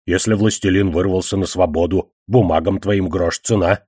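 A man reading an audiobook voices a curt, sardonic wizard in a lower, matter-of-fact tone. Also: steady tone, moderate pace, mellow, husky, no room sound. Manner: low, dry, matter-of-fact. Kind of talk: audiobook character voice.

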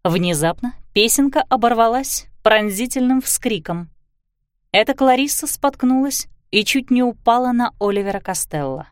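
A woman narrating a story with expressive, scripted delivery. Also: a little high, normal speed, dry recording, clean studio sound.

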